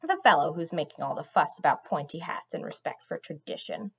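A woman's voice: sits low, big pitch swings, fairly quick, creaky, fairly bright tone, husky, voice pushed down, exaggerated voice. A woman voicing a blunt gray tomcat who talks in a dry, matter-of-fact way, on a dull lo-fi recording.

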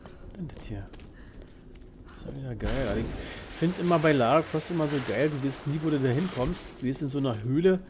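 A man's voice: mid-range voice, lively intonation, fairly quick. Colloquial man over noisy game sound. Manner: thinking aloud, colloquial, slangy. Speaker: let's play host. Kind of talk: casual gameplay commentary. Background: game ambience.

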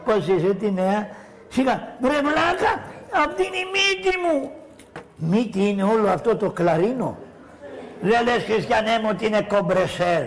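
A man playing a cheeky, loud puppet-show trickster. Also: high-pitched, gravelly. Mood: bantering. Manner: loud, bantering, teasing, addresses children in audience. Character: cheeky scheming poor man, swing-ride hawker. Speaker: shadow puppeteer. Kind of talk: live Greek shadow-puppet theatre. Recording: live show with audience noise. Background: audience of children.

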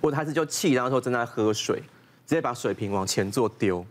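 Man giving advice, expressive intonation. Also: medium pitch, fast talker, slight background noise. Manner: gives numbered advice with case stories, laughs often. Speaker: doctor guest. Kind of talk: explaining advice on a talk show.

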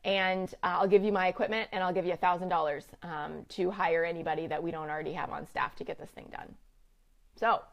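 A woman's voice: lowish voice, fairly even intonation, fairly quick, creaky. A woman in her thirties hosting a casual live stream from a room at home, chatty and full of fillers and restarts as she talks to viewers. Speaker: business coach and host. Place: home room with window blinds. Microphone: webcam or phone live-stream.

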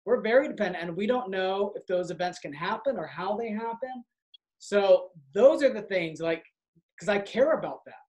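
A man's voice: high-pitched, expressive, normal speed, darkish tone, poor audio. A man who works for a community organization, talking earnestly and reflectively in a casual conversation.

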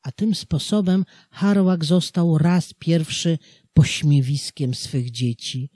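A narrator reads an old folk tale aloud at a slow, deliberate pace, with an expressive delivery and a breathy voice. The pitch moves animatedly and the sound is close and dry. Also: no room sound. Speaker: audiobook reader.

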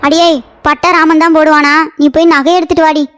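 A woman voicing a greedy, scolding old village mother in a cartoon, shrill and complaining. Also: little pitch movement, brisk, fairly bright tone, a little hiss or hum. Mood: fretful. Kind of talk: cartoon voice acting.

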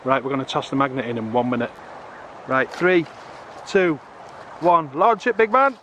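A middle-aged man chatting excitably to his viewers while magnet fishing outdoors in a river, filmed on a camera. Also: mid-range voice, normal speed, background noise. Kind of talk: casual outdoor commentary. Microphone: camera on a tripod or handheld.

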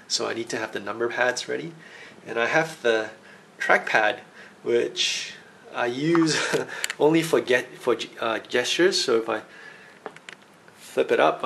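A man casually demoing his home office computer setup, pausing often with ums and restarts. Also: mid-range voice, gravelly, a bit bright, a little hiss or hum. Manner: halting, many ums and restarts. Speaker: tech vlogger. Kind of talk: casual screen demo. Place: home office in a high-rise apartment.

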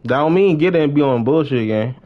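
A young adult man chats casually on his gaming livestream, using slang and often repeating his phrases. His voice is fairly high-pitched, expressive, and fairly quick. The stream audio is dull and lo-fi.

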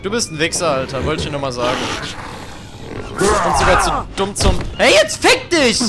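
A man's voice: a little high, very animated, moderate pace, over loud music. A young man commenting on a video game he is playing, crude and jokey, trash-talking the characters on screen. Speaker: let's play gamer.

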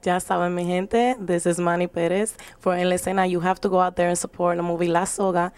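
Brief: woman entertainment reporter, lower voice, brief questions, bilingual sign-off. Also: little pitch movement, fast, darkish tone, clear, resonant tone, no room sound. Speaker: entertainment show interviewer.

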